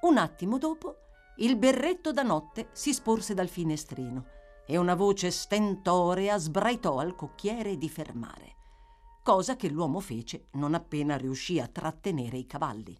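A woman reads a classic novel aloud with measured, expressive storytelling. Her voice is lively in melody, shaping each sentence with care. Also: lowish voice, faint music behind. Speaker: audiobook narrator. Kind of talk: literary audiobook narration.

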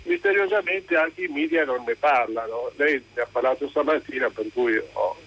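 A man's voice: medium pitch, moderate pace, breathy edge. A man from Trentino in northern Italy, calling in to a radio show over a phone line and putting a courteous, earnest question to the host. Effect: caller heard over a phone line. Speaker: radio call-in caller.

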